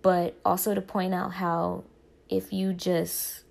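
A young woman talks straight to the camera in a loose, rambling way, circling back to fix her own words as she goes. Her voice sits a little low for a woman, with a gravelly fry running through it. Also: level tone, slow, a little mellow. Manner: rambling, self-correcting, faith-focused. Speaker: vlogger. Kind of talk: casual personal storytelling.

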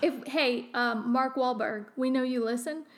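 A woman's voice: high-pitched, measured pace. A woman co-hosting a podcast, chatting in a playful, teasing way. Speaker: podcast co-host. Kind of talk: casual chat.

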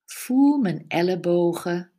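Woman doing guided meditation, super slow, low soft soothing voice, lots of pauses. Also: lively intonation. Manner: soft, soothing, unhurried instruction with long pauses. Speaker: relaxation guide.

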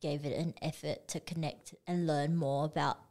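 A young woman artist, born in Singapore and raised elsewhere, talking in a relaxed casual chat, laughing often and letting sentences trail off. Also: low-pitched, normal speed.

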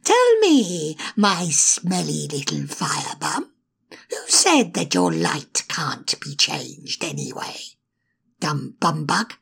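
A woman voicing a sly, spiteful male imp in a storybook, mocking and insulting in a raspy, put-on voice. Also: big pitch swings, slow pace, a bit bright, full character voice. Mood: taunting. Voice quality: gravelly, raspy. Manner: mocking, sneering, darts between whispers and shrill taunts. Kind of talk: storybook reading.

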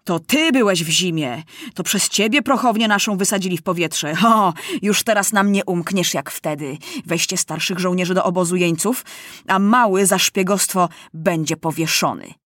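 A woman's voice: lowish voice, normal speed, fairly bright tone, dry recording, clean studio sound, close to an everyday voice. A woman voicing an angry enemy army officer in a storybook reading, scolding and threatening.

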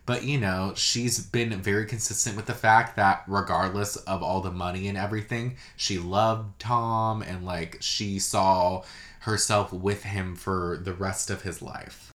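A man's voice: low-pitched, fairly even intonation, unhurried, a bit bright. Chatty gossiping man in an echoey room. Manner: chatty and gossipy, with many "like" fillers. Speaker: podcast host. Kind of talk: casual solo podcast chat.

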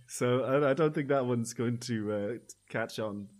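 A man's voice: medium pitch, unhurried, darkish tone. Dry-humored man. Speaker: podcast co-host. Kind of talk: casual chat.

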